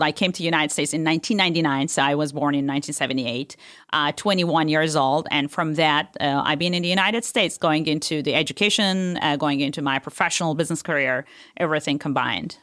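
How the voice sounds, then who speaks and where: A woman's voice: sits low, brisk, a bit bright, dry recording, studio quality. A woman, a company founder speaking as a guest in a casual interview, earnest and leaning on fillers like "you know". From Turkey. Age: 40s.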